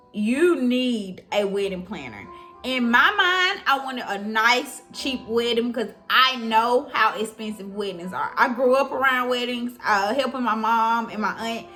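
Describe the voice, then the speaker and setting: A woman's voice: a little high, bright, forceful tone. A young woman vlogger in casual storytelling, chatting expressively and speaking straight to her viewers.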